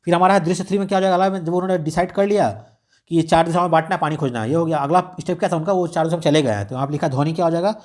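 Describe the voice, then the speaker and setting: Slightly high, a little mellow, and rapid-fire, this man's voice belongs to an exam-prep teacher going over a radio script lesson. His style is casual, with English words mixed in and frequent restarts.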